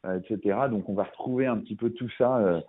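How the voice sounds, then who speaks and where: A middle-aged musician appears as a guest on a radio interview, speaking fast in a fairly low, husky voice. His talk is casual, packed with fillers and restarts, and the audio has a tinny, phone-like radio sound.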